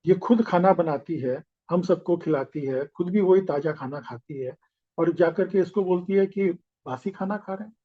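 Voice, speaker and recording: Furious rich old father-in-law scolding hard, a man doing the voice, kinda high, bit muffled. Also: moderate pace. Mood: angry. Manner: indignant scolding. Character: angry wealthy old male father-in-law.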